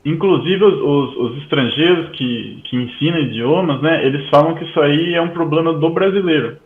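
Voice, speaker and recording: Brazilian male guest, slightly high voice, echoey dull call audio. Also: normal speed. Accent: Brazilian Portuguese. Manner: tags most sentences with "né?". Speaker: Hebrew teacher guest. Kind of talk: casual interview chat.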